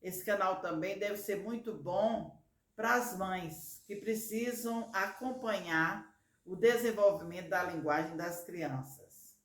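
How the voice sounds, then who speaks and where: A woman's voice: mid-range voice, slow pace, reverberant. A woman teaching language in a video, patiently drawing out example words syllable by syllable. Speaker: Portuguese teacher. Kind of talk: slow, careful teaching video.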